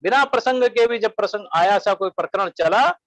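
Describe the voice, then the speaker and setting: Man, high voice, measured webinar lecturer who lists points and quotes verses, dry close sound. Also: no echo, rough recording. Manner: measured, listing points one by one, quoting Sanskrit verses.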